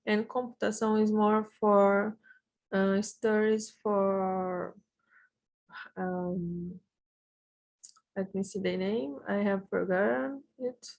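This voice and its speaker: A woman's voice: mid-range voice, steady tone, very slow, vocal fry, pauses often, darkish tone, dull audio. A Brazilian woman teaching Portuguese vocabulary in English with a Brazilian accent, patiently saying each word twice before translating it. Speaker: language teacher. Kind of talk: slow language lesson with repetition drills.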